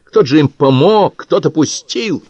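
A man's voice: fairly high pitch, expressive, moderate pace, darkish tone, no room sound, highs cut off, pitched above the performer's own voice. A male audiobook reader voicing an injured, stocky man who exclaims with impatience and indignation. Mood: indignant. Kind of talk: audiobook character reading.

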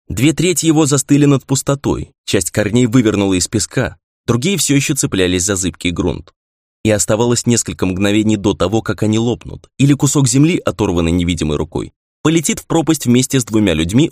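Low-voiced man reading a fantasy audiobook. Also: no echo, clean studio sound. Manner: measured, expressive reading. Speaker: audiobook narrator. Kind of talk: audiobook narration of a fantasy novel.

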